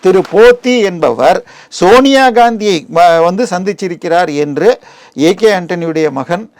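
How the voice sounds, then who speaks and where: In a news interview, a Tamil Nadu–accented man explains things at length, wandering into digressions and regularly bringing in figures and comparisons. He has a high voice with lively intonation and speaks at a normal speed, with no echo in the recording.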